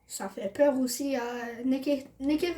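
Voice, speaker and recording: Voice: high-pitched, unhurried, warm tone. A young co-player, making joking side comments while gaming with a friend. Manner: teasing, jokey side comments. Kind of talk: casual let's-play banter.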